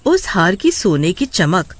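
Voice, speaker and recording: A woman's voice: on the low side, big pitch swings, slow. A woman narrating a cartoon children's story in a scripted, storytelling manner.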